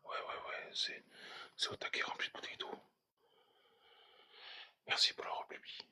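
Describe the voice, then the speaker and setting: A man whispering through a live stream from an abandoned building at night, greeting viewers and talking in a hushed, tense voice. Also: moderate pace.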